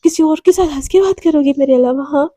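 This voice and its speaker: A woman voicing a jealous, possessive young woman who gives firm, low commands to her girlfriend in a storybook romance. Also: quick pace, dark tone, no room sound, close to an everyday voice.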